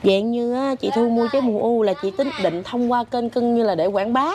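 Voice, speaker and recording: A woman's voice: a little high, normal speed, a crowd in the background. A woman, telling her family's story in casual chat. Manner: animated storytelling with laughs. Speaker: interviewee.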